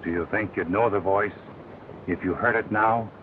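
An actor, playing a polite, earnest young sheriff in a 1930s western. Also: male voice, on the low side, steady tone, normal speed, natural voice. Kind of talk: 1930s film western acting. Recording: tinny noisy 1930s film soundtrack.

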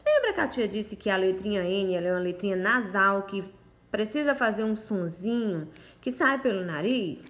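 A woman's voice: medium pitch, expressive, moderate pace, a bit bright, echoey room. A Brazilian woman teaching a recorded phonics lesson to young children from home, sounding out letters in a coaxing, sing-song voice. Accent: Brazilian Portuguese. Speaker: primary school teacher. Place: home room. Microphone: phone or home camera, voice only.

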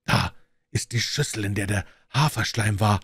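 A man's voice: on the low side, normal speed, a bit bright, slightly rough, dry recording. A man voicing an overjoyed old male miser, exclaiming giddily in a storybook reading. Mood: giddy. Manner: exclaiming, breathless and giddy.

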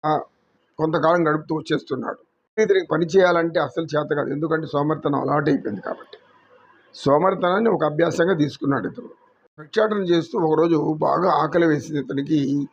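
Telugu guy telling a moral story, gravelly voice, slow preachy teacher vibe, dull recording. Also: a little high, slight background noise. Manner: unhurried, preachy storytelling with acted quotes.

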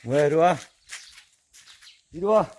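A man casually talking to his dogs and the camera, loudly coaxing and scolding them outdoors. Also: fairly high pitch, animated, takes it slowly, slight background noise. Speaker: channel host living in nature. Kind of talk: casual talk to dogs and viewers.

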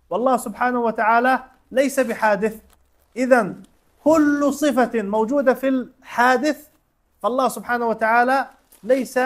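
A man teaching a religion class, explaining step by step with everyday examples and quizzing his students with short questions. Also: extremely high pitch. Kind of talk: classroom lesson.

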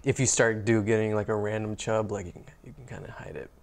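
A man as a podcast guest in relaxed casual chat, using lots of fillers and laughing along. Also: on the low side, fast talker, gravelly.

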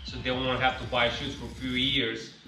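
A man's voice: mid-range voice, level tone, moderate pace, bright, forceful tone, distant mic. Man rambling in echoey garage. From Romania. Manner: rambling, many fillers. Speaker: car-building vlogger. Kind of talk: casual reflective monologue. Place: large home garage, indoors. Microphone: camera set some distance away on a ladder.

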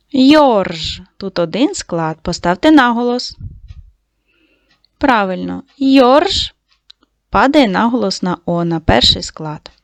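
A woman teaching a lesson to young schoolchildren, giving slow, clearly articulated instructions. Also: mid-range voice, no room sound. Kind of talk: online lesson for young children.

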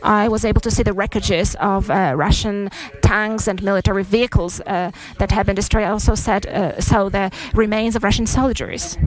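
A woman interpreting a press statement live into English, halting with frequent pauses and fillers. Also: mid-range voice, fairly even intonation, poor audio.

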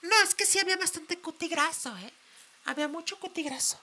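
A man's voice: very high voice, brisk, bright, forceful tone. A young man with a Mexican accent, chatting playfully on a live stream, dramatic and given to swearing. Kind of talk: casual live stream chat.

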